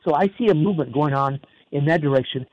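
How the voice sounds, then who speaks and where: Higher-pitched male interview host. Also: quick pace, muffled recording. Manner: warm, affirming, repeats words when asking. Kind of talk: conversational interview.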